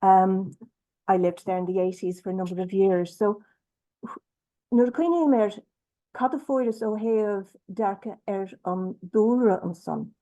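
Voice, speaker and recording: Irish woman, webinar guest, warm low-toned voice, halting delivery, drifts between two languages. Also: low-quality recording. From Ireland. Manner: hesitant, many ums and restarts, switches between Irish and English. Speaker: webinar speaker. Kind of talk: bilingual webinar talk.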